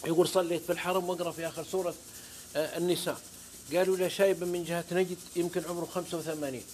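Racing through his stories, a Saudi-accented man appears as a guest preacher on a talk show, swearing fervent oaths and quoting scripture. He has a high, level, somewhat dark voice, with a little noise behind him.

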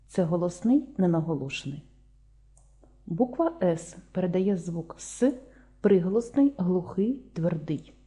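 A woman with a Ukrainian accent giving a slow, deliberate lesson, spelling out sounds one by one. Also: on the low side, warm tone, husky. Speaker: teacher.

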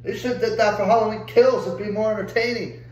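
Exasperated young guy ranting, cursing nonstop, high voice, faint hum behind. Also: fairly even intonation, fast, reverberant, low-quality recording. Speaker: vlogger. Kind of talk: angry rant to camera.

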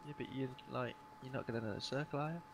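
A man's voice: medium pitch, fast talker, a loud crowd. A man chatting casually with a teammate during an online shooter game, laid-back and easygoing. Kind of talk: casual gaming chat. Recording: noisy online voice chat.

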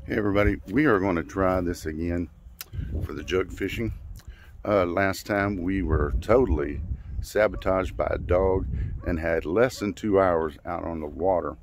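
A man's voice: low voice, moderate pace. A man in his forties hosting a casual fishing vlog from a small boat on a river, talking with lots of fillers into a handheld phone. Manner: chatty, filler-heavy, upbeat. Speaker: fishing channel host. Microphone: handheld phone camera. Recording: outdoor noise from water and boat.

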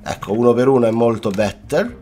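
A man's voice: medium pitch, a little fast, mellow. A young Italian man giving chatty, playful gameplay commentary, talking to his viewers and mixing in English words, with a cough-worn voice. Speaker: gaming YouTuber. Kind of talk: casual Let's Play commentary. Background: faint background music.

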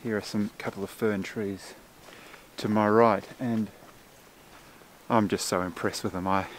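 A man in his forties talks straight into a camera held at arm's length while he walks outdoors. He explains in a relaxed, chatty way with frequent fillers. Faint rushing water sits behind his voice. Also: lowish voice, slight background noise. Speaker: landscape photographer. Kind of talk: casual vlog narration to camera. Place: outdoors in a forest and on a gorge lookout. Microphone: camera mic at arm's length.

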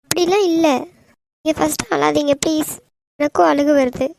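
Woman voicing a high-pitched devoted young wife. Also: fairly even intonation, normal speed, gravelly, a little mellow, slight background noise. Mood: soothing. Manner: earnest, pleading. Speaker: voice actor. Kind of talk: animated cartoon dialogue.

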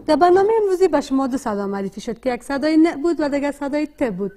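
A woman with a Dari accent teaching a literacy lesson, asking questions and answering them herself in a slow, deliberate way. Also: sits high, lively intonation, warm tone, a little hiss or hum. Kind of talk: classroom lesson.

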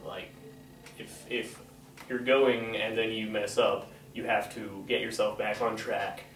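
A man's voice: on the low side, flat delivery, unhurried, a bit bright, slight background noise. A nineteen-year-old man, a music student, talking casually in an interview, recorded by a camera across a small room. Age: young adult. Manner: casual, matter-of-fact. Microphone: camera mic at a distance. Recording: echoey room, distant mic.

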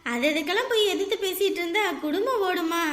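A gentle, self-sacrificing mother, as a woman plays her, soothes her child in a tender, very high, bright voice. The sound is echoey, as in a bare room. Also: animated, fast.

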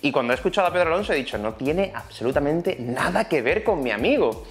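A man's voice: fairly high pitch, very animated, fast, soft background music. A man with a Spain Spanish accent teaching an online Spanish lesson in a chatty, explanatory way. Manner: chatty, explanatory, many fillers.

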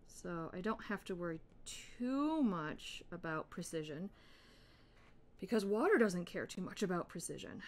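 A woman in her thirties hosting an art tutorial, chatting in a relaxed way while she colors, with soft murmured asides. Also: on the low side, unhurried. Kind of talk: casual chat while coloring.

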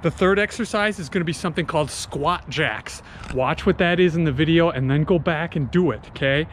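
Out on a driveway, a fitness instructor in his thirties coaches a home workout, explaining exercises and counting reps into a camera mic that is often at a distance. His voice is on the high side and a little fast, with slight background noise.

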